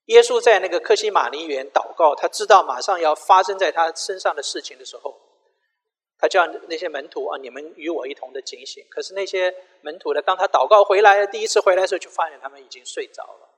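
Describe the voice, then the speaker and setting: A man's voice: sits high, quick pace, long reverb tail. A man preaching a sermon, retelling scripture with quoted dialogue and mixing in English phrases. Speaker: pastor.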